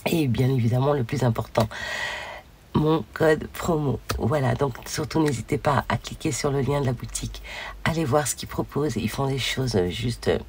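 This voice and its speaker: A hoarse woman hosting a casual crafting video, chatting along with many fillers as she shows her pieces. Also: extremely low pitch, normal speed, darkish tone, a little hiss or hum.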